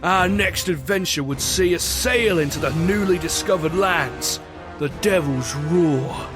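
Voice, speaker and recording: A man's voice: a little high, a little slow, over music, natural voice. An actor playing a hearty, boastful pirate captain who tells his sea tales in salty pirate dialect. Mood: storytelling. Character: bearded male pirate captain, hearty, boastful, wistful narrator. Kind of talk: scripted pirate adventure narration.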